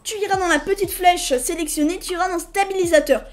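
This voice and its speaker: A woman hosting a casual screen-recorded software tutorial. She talks in a chatty, hesitant way, restarts her sentences and apologizes to viewers now and then. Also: very high-pitched, fairly even intonation, fast talker, faint music behind. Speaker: tutorial host.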